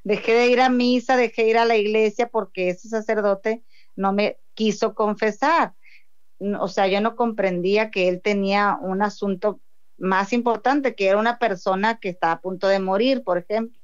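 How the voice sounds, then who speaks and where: A woman's voice: mid-range voice, fairly even intonation, moderate pace, clean tone, muffled recording. A woman with a Mexican accent giving a heartfelt personal faith testimony, often restarting her sentences. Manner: heartfelt storytelling with frequent restarts.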